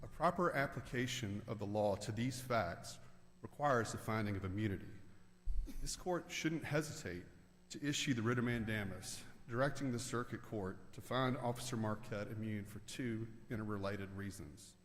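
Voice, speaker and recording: A man delivering a formal legal oral argument as a lawyer, deliberate and emphatic. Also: on the low side. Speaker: appellate lawyer. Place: large indoor auditorium. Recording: reverberant large hall.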